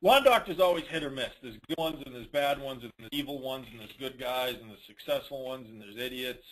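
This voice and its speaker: Hosting a dealer network conference call, a man answers questions and advises in a blunt, colloquial manner, repeating himself for emphasis. His medium-pitched voice is animated, fairly quick and a bit bright. The low-quality recording carries a little hiss or hum.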